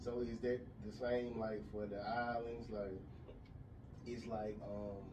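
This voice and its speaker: A man's voice: lowish voice, flat delivery, takes it slowly. A man hosting a podcast, asking loose, rambling questions full of fillers. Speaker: podcast host. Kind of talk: casual interview. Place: radio station studio. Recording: roomy studio, distant mic, noisy.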